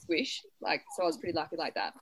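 A woman's voice: low voice, sing-song, fast talker, low-quality recording. A woman, an easygoing guest talking about horses she has ridden, who laughs often. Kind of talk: casual chat.

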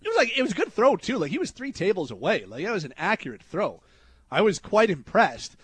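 A young adult man hosting a radio show, telling a story in an animated way that turns loud and high when he retells his anger. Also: fairly quick, slightly rough. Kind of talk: casual storytelling on talk radio. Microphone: studio microphone.

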